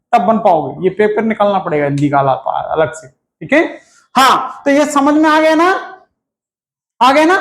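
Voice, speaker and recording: A male Hindi teacher in a classroom, teaching in a lively question-and-answer style and drilling the students with repeated questions. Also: high voice, roomy sound, rough recording.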